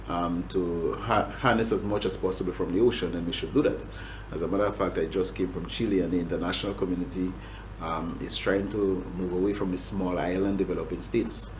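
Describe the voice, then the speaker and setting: A Grenadian man speaks as a government agriculture official in an interview. His voice sits very low, and he often stops, restarts and fills gaps with "um". A faint hum runs underneath. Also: a little mellow, poor audio. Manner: hesitant, many restarts and fillers. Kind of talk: interview answers.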